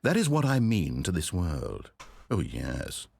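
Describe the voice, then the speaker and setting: An actor playing a pompous, needy game narrator who delivers a menacing, theatrical villain monologue. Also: male voice, low voice, huge pitch swings, measured pace, gravelly, darkish tone, husky, heavily acted. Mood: brooding menace. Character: pompous, needy male narrator turned menacing, vowing return. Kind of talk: scripted dramatic game narration.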